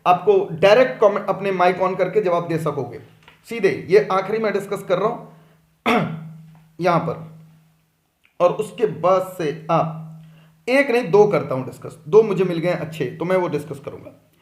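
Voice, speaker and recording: A male commerce teacher running an online class, with a voice pitched high for a man. He reads out case questions and keeps pushing students to answer. The sound carries a roomy echo. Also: lively intonation, a little slow, long pauses.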